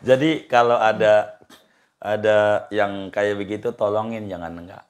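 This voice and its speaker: A man's voice: lowish voice, fairly even intonation, measured pace. Easygoing cleric man. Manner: easygoing, colloquial, repeats phrases, chuckles. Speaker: Islamic cleric answering questions. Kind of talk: religious study talk, informal Q&A.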